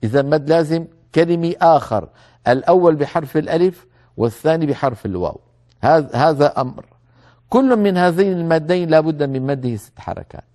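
A man giving a tajweed lesson, calmly explaining the rules and slowly repeating words to demonstrate them. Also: a little high. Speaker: Quran recitation teacher.

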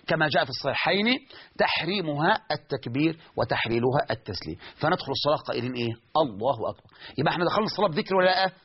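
Lively Egyptian preacher, high and quick. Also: male voice, breathy edge, lo-fi sound. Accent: Egyptian Arabic. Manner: lively, asks the audience questions and answers them. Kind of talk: religious lesson.

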